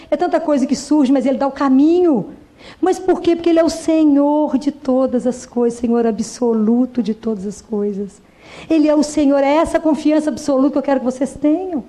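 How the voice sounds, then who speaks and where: A Brazilian woman doctor speaks about faith in an informal, earnest talk. Her voice sits high yet sounds mellow and soft-edged. She stretches out the words she wants to stress and speeds up, amused, when she tells a story. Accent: Brazilian Portuguese. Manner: earnest and warm, slowing to stress key words, brisk and amused when telling stories. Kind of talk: informal religious talk with personal anecdotes.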